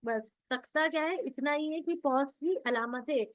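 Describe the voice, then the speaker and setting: A woman's voice: high-pitched, normal speed. A woman teaching Quran recitation rules in an online class, who explains patiently and asks and answers her own questions. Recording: dull lo-fi audio.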